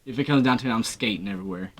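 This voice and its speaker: A man's voice: mid-range voice, rapid-fire, over a noisy crowd. A man co-hosting a reaction video in casual, joking chat, laughing often and talking in slang.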